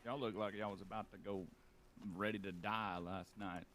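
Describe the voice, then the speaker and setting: A man's voice: fairly low pitch, fairly even intonation, moderate pace, fairly bright tone, slight background noise. A man in an in-character western role-play, bantering in a dry, stubborn drawl.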